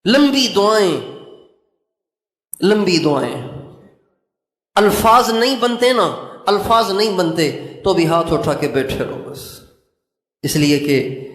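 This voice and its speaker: Older male preacher, high voice, earnest and pleading, slow chanted supplications; recorded in an echoey hall. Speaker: Islamic preacher. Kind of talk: sermon. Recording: echoey hall with long reverb.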